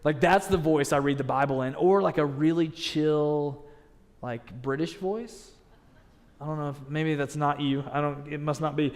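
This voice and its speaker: A man's voice: fairly high pitch, moderate pace. A man giving a sermon as a guest preacher, conversational and joking. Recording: long reverb in a church sanctuary.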